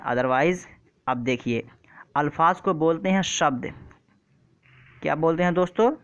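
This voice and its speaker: A man's voice: a little high, smooth, muffled recording. A man teaching an exam-prep vocabulary lesson online, who often repeats terms and keeps asking his viewers questions. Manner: repeats words and quizzes the viewer.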